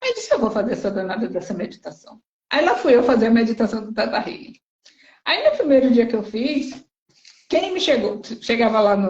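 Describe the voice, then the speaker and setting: A woman host telling a story in a calm, unhurried way during a casual, spiritual chat. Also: mid-range voice, vocal fry. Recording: roomy, slightly dull sound.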